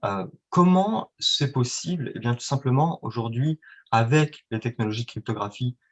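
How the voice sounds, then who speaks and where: Heard through a dull, lo-fi recording, this guest speaks at a moderate pace in a mid-range voice. He's an independent trader from France and Italy, answering interview questions with many fillers and restarts.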